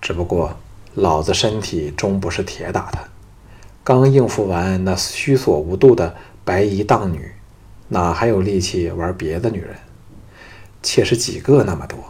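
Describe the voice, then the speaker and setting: A man voicing a cunning young male soldier who speaks calmly and curtly in an audiobook. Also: low voice, a little slow, breathy edge, heavily acted.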